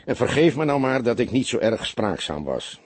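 A man's voice: medium pitch, big pitch swings, normal speed, slightly rough, dry recording. A man reading a grim, sarcastic old-school detective. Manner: terse, dryly sarcastic, barking dictation. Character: weary, grim middle-aged male police detective.

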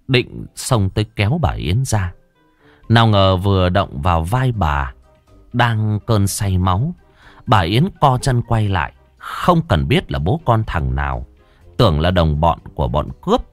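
A man's voice: low voice, big pitch swings, a little slow, no echo, soft background music. A man narrating a comic folk tale in a playful, exclamatory way. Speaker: storyteller.

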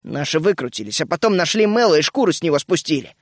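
A man's voice: on the high side, very animated, quick pace, no echo, clean studio sound. A man voicing a sullen, defiant twelve-year-old boy outlaw in a read-aloud story, spitting out short angry lines. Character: tough young male rebel boy, sullen and defiant.

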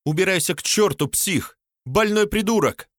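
A man doing a shrill sobbing young woman. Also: lively intonation, unhurried, dry recording, studio quality. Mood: screaming angrily. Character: young woman, tearful and hysterical.

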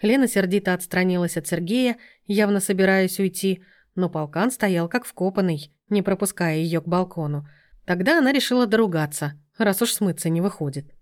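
A woman's voice: lowish voice, normal speed. Woman reading an audiobook expressively. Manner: expressive, acts out dialogue. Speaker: audiobook narrator.

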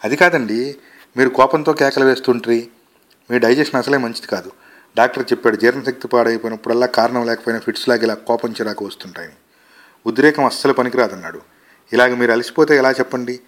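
A man reading a story aloud, voicing a calm, devoted young wife who talks patiently and reasonably. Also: mid-range voice, fast talker, lightly acted. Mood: soothing.

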